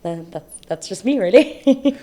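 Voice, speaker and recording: With a warm, mid-range voice and lively intonation, this South London medical student talks a little slowly as a podcast guest. The young woman's London accent comes through as she converses enthusiastically and thoughtfully in a casual interview.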